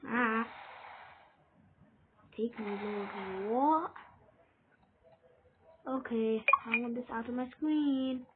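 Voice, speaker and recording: A woman's voice: on the high side, extremely slow, pauses often. Chatty British woman on a tinny mic. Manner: rambling, chatty self-talk. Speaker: gamer. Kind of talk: casual gameplay commentary. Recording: tinny lo-fi with noise.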